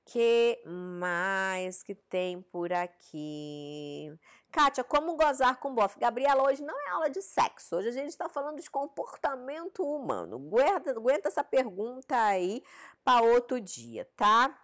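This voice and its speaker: A woman's voice: fairly high pitch, sing-song, a little slow. Frank Brazilian woman giving live advice. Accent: Brazilian Portuguese. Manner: direct, frank, checks in with rhetorical "tá?" and "entendeu?". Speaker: relationship advice host answering viewer questions. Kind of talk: live-stream Q&A chat.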